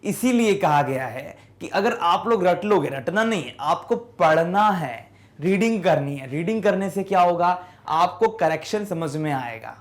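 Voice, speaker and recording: A man teaching English spelling in a class lesson. He keeps asking his students questions and answers them himself, and he sounds out words slowly, one syllable at a time. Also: high-pitched, expressive.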